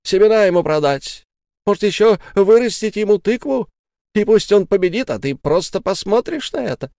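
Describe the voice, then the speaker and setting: A man putting on a shrill, scolding young wife. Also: very animated, normal speed, darkish tone, no echo, studio quality. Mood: angry scolding. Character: sharp-tongued young wife, shrill and quick to anger.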